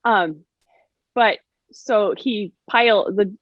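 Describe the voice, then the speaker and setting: A woman's voice: medium pitch, takes it slowly, no echo. Blunt woman guest, dull dry audio. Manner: blunt, storytelling, acts out others' voices. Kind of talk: candid podcast conversation.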